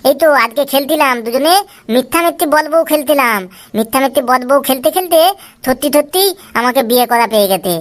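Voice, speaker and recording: A woman's voice: sits high, quick pace, close to an everyday voice. A woman voicing a childish, whiny boy who wants to get married, in a cartoon. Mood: chatty. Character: whiny boy eager to marry. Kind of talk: Tweencraft cartoon voice acting.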